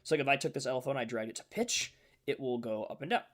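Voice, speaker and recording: A man's voice: medium pitch, big pitch swings, very fast. A man streaming live, casually teaching sound design and thinking aloud with lots of fillers.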